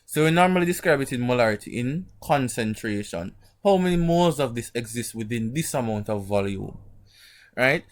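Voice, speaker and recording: A man's voice: mid-range voice, animated, normal speed. A man teaching an online lesson informally, his speech slightly muffled by a sore mouth, often checking in with short tag questions. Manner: didactic, frequent check-in tags like "right?" and "okay?". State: sore mouth from an emerging wisdom tooth. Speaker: chemistry teacher. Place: online class over screen share.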